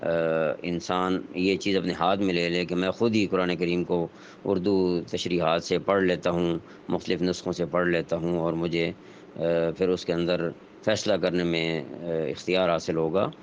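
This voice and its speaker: Deep-voiced man giving a religious lecture. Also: little pitch movement. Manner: measured explanatory delivery with frequent hesitation fillers. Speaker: Islamic teacher. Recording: dull lo-fi sound with faint noise.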